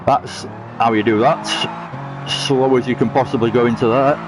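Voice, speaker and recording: A sim racing streamer chats casually through live gameplay commentary on a racing game, laughing often and teasing his friends. His voice is medium-pitched and steady, with a moderate pace, and music plays in the background.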